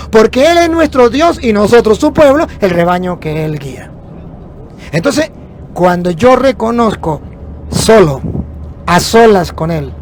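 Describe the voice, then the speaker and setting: A man preaches with emphasis, his voice sitting higher than most men's. He poses rhetorical questions and answers them himself. A faint rumble of the moving bus hums underneath. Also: a little mellow.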